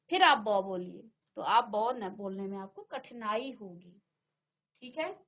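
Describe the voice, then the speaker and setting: Woman teacher, high voice, slow deliberate delivery, slightly dull studio sound. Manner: slow, patient, repeats sounds aloud for students. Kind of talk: virtual classroom Hindi lesson.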